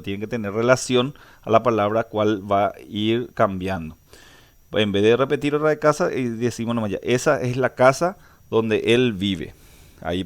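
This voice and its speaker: A male teacher, giving a recorded grammar lesson and explaining step by step with frequent "eh" fillers and restarts. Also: medium pitch.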